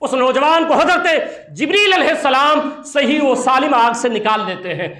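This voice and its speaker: A man's voice: very high-pitched, bright, forceful tone, reverberant. A man from India preaching a sermon, telling stories with passion and repeating key phrases for emphasis. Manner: impassioned storytelling with emphatic repetition. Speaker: Islamic preacher.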